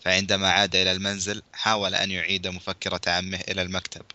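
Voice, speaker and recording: A man's voice: sits low, completely flat delivery, pushed and bright, no room sound, highs cut off. A man casually reading a children's mystery aloud, breaking off for joking asides. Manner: rapid, brisk reading, breaks off for crude joking remarks. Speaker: reader.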